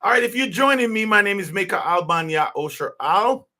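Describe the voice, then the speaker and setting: Earnest man in his fifties, high and bright, unscripted podcast host who restarts his sentences a lot. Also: expressive, brisk. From Jamaica. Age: 50s. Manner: earnest, rambling with many restarts. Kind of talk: unscripted personal monologue.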